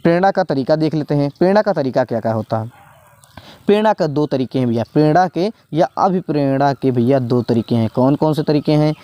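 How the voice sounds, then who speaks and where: A man's voice: a little high, animated, a little fast, mellow, no echo. A male teacher gives a spoken exam-prep lesson, repeating points and asking and answering his own questions. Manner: repetitive, asks and answers own questions, says "bhaiya".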